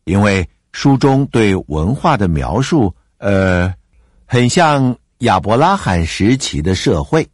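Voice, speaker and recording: A man with a slightly husky voice teaches the Bible, his pitch leaping up and down as he stresses his points. The sound is dry and close, with no room around it. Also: sing-song, slow, no room sound. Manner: explanatory, emphatic, with occasional fillers and laughs.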